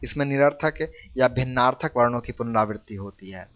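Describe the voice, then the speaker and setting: A man reads a formal literature lesson in a steady, measured voice at a middle pitch. He slows down noticeably whenever he recites a verse example. The recording sounds dull and lo-fi. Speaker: reader of a literature textbook.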